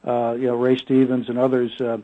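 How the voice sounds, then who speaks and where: A man's voice: medium pitch, completely flat delivery, a little fast. A man giving an oral history interview, speaking with many fillers and restarts. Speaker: interview guest. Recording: dull, muffled lo-fi audio.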